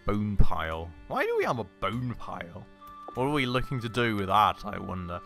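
A man with a low, bright-edged voice talks through a strategy game as he plays, thinking aloud and correcting himself as he goes. His voice is a little husky from a recent illness, and faint game music runs underneath. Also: wildly swooping pitch, moderate pace. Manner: rambling, thinks aloud, many fillers and self-corrections. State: slightly husky voice, recovering from illness. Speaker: gaming channel host. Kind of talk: casual let's-play commentary.

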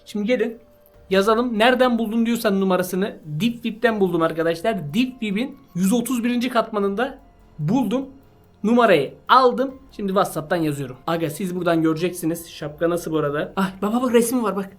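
A young man chatting to camera in a casual parody vlog, excitable and joking, full of slang. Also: sits high, fairly quick, soft background music. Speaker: vlogger.

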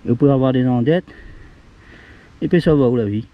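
A man's voice: medium pitch, muffled recording, background noise. Middle-aged Réunion man narrating foraging. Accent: Réunionese French. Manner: plain, halting, explaining as he works. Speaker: outdoor video host. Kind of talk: casual narration while foraging and cooking. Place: forest outdoors, then home kitchen.

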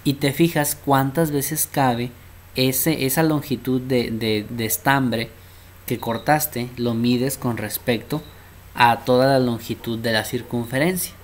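A man's voice: medium pitch, fairly even intonation, slow pace, slight background noise. A man teaching math in a casual way, often checking in with the class and repeating himself. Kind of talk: informal math lesson at a board.

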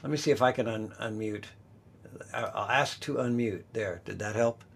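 A man's voice: lowish voice, normal speed, vocal fry, fairly bright tone. A man hosting an online open mic, bantering in a friendly, joking way over a video call. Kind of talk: casual chat on a video call.

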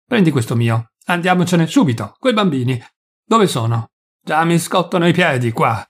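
A man's voice: fairly high pitch, expressive, moderate pace. A man voicing an elderly mother, imperious and indignant, her commands trembling with scorn and grief, in a literary audiobook reading.

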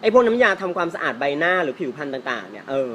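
A man teaching English pronunciation in a casual, playful way, teasing his viewers and stretching out example words slowly. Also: on the high side, big pitch swings, fairly bright tone, lo-fi sound, slight background noise.

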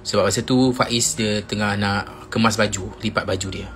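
Young Malaysian guy storytelling on a phone live stream, lively delivery, faint music underneath. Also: on the low side, normal speed. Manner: animated, acts out friends' shouts in quoted lines. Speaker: Instagram live host.

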